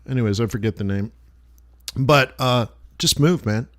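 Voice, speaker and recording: A man's voice: mid-range voice, normal speed. Man, livestream host, casual rambling chat, friendly, restarts a lot. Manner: rambling, loose and chummy, many restarts. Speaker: forex trader hosting a live stream.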